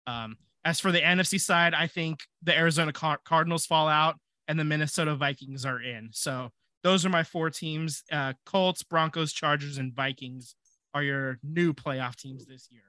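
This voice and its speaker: A man's voice: on the high side, normal speed, sharp tone, no echo. A man co-hosting a casual sports podcast, thinking aloud with fillers and restarts. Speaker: podcast co-host.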